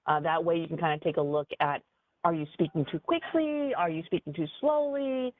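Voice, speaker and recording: A woman business advisor giving a webinar training in an animated, conversational way, with frequent fillers. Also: low-pitched, fairly quick. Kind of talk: webinar presentation. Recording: tinny phone-like dry audio.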